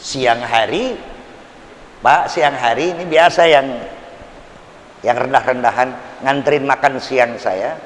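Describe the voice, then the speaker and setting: An older man preaching a study-circle sermon, telling stories with loud bursts and low asides. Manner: storytelling, swinging from loud outbursts to low asides. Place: large mosque hall. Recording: hiss, long reverb in a hall.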